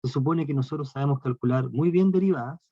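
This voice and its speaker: A man with a quick, husky, medium-pitched voice lectures on calculus in a Chilean Spanish accent. The math lecturer works through the material step by step and poses questions to the class. The lecture recording is dry, dull and lo-fi, with no room sound.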